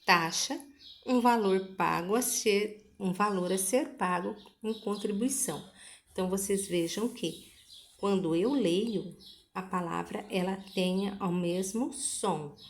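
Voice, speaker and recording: A woman's voice: mid-range voice, slow pace. A woman teacher reading a school lesson aloud, patient, going through the exercises word by word.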